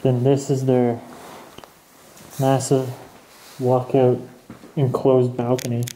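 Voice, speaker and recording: A young man chats his way through an abandoned house, thinking out loud and laughing at what he finds. His voice is very dark and mellow, at an ordinary pitch for a man. Faint background hiss sits under the camera mic. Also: completely flat delivery, slow pace, low-quality recording. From Canada. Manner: chatty, laughs easily, thinks aloud. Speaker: urban explorer host. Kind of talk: casual walkthrough narration. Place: empty abandoned house, indoors. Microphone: camera mic, wearing a respirator mask.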